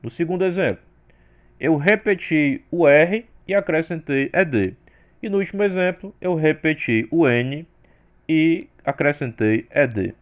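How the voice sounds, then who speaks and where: A man from Brazil teaching an English grammar lesson, explaining the rules step by step and saying the sample words louder. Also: a little high, expressive, a little slow, muffled recording.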